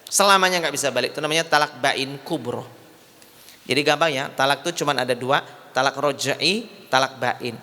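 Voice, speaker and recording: A man's voice: fairly high pitch, sharp tone. A man giving a religious lecture, patiently repeating points and checking that his audience understands. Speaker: Islamic preacher. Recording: hall reverb.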